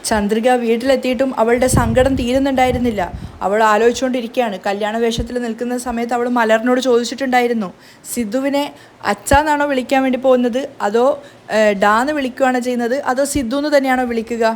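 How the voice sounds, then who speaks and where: A woman's voice: on the high side, fairly even intonation, fast talker, a little hiss or hum. A woman retelling the scenes of a television serial, reading the characters' lines in her own voice. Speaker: serial recap narrator. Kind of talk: storytelling recap of a TV serial.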